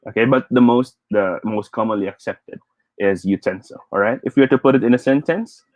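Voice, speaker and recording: A man with a Filipino accent leads an online pronunciation lesson, upbeat and encouraging, chuckling as he reads out viewer comments. His voice sits on the low side. The sound is dry and a bit dull, like a basic home setup. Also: fairly quick, no room sound. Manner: switches between English and Tagalog, chuckles often, encouraging. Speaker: online English speech teacher. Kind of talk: live online class, reading viewer comments.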